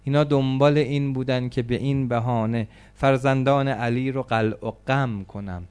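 A man preaching a religious story as a sermon, acting out the cries of the people in it and swinging from loud outbursts to hushed, slow passages. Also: mid-range voice, steady tone, clean tone. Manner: dramatic, acts out quoted cries and voices, swings from loud to hushed.

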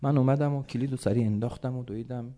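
A man preaching a sermon as a dramatic story, swinging from soft, hushed lines to loud calls. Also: mid-range voice, fairly even intonation.

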